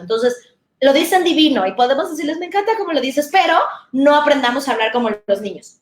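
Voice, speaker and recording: A woman speech therapist, explaining to parents in a warm, conversational way with everyday examples. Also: high-pitched, roomy sound. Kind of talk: talk to parents.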